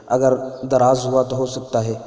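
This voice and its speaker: A man's voice: medium pitch, little pitch movement, mellow. A man giving a spoken grammar lesson as a teacher, patiently repeating key points for emphasis. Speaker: Arabic teacher. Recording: echoey room with long reverb.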